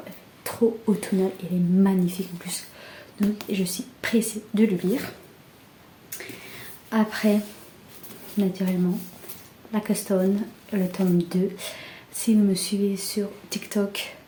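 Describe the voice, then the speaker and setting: A young woman chatting casually about books in a soft, often half-whispered voice, with many fillers. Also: medium pitch. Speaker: book vlogger. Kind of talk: casual book haul chat. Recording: echoey room with faint background hiss.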